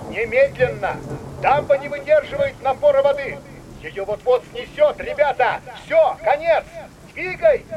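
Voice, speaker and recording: An actor playing a worksite foreman who shouts urgent evacuation orders to levee workers through a megaphone in a radio drama. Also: very high-pitched, a little hiss or hum, poor audio.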